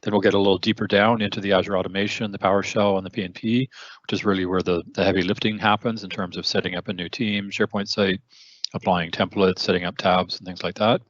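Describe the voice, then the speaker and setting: Talking fast with a flat delivery, a man hosts a technical webinar in a conversational style, full of fillers and repeated words. His low voice is a bit worn; he's losing it and clears his throat. The sound is dry and lo-fi.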